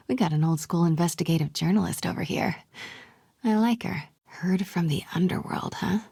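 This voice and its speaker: In naturalistic video game voice acting, an actress with an American accent plays a brave, quick-witted young woman reporter. Her breathy, husky voice sits fairly low, and her delivery is wry, musing, conversational and often hushed. The studio-quality recording has no room sound.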